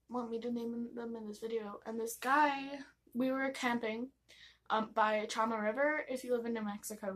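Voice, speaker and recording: A young woman with an American accent and a fairly high voice shares a casual, confessional storytime. Her delivery is gossipy and giggly, rambling along and slipping into quoted dialogue like she is confiding in friends. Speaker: vlogger telling personal stories.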